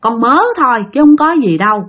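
A woman voicing an old grandmother who coaxes and gently scolds. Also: a little high, animated, fairly quick. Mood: coaxing. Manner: coaxing, scolding softly. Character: old grandmother, kindly and bossy.

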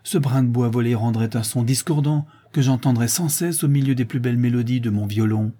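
A man voicing a proud, earnest young boy in an audiobook, quiet and firm. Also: medium pitch, a little fast, breathy edge, natural voice. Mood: reproachful, firm.

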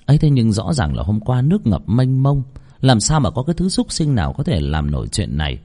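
A man telling a folk horror story in a hushed, suspenseful manner. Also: medium pitch, very animated, fairly quick.

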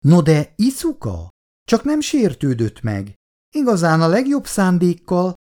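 A man's voice: high-pitched, huge pitch swings, warm tone, voice pushed up. A reader voicing an awkward young man who apologizes in a flustered, pleading way in a storybook reading.

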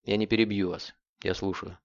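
A man voicing a cold, restrained male gunman in an audiobook, quiet and measured, in a dull lo-fi recording. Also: on the low side, flat delivery, close to an everyday voice.

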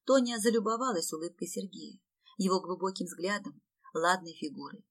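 A woman reads an audiobook aloud in scripted narration. Her voice sits a little low, and she keeps the telling steady and even. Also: normal speed.

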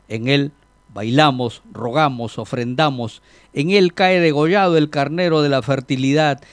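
Male radio voice, mid-pitched, calm, pausing reader in a dead studio. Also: dry recording. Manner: measured, reflective, with frequent pauses and fillers. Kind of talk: radio talk, reading aloud a poet's text.

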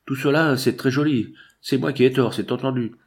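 Man playing a raging, distrustful lowlife partner in an audiobook, shouting insults in a voice pushed higher than his low reading tone. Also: animated, normal speed, natural voice. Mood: furious. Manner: indignant, shouting accusations. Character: shabby, suspicious male accomplice, quick to fury.

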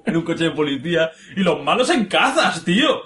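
A man co-hosts a casual podcast in a bright, sharp tone with a lively, bouncing pitch. He teases, swears and laughs often. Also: normal speed. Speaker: podcast co-host.

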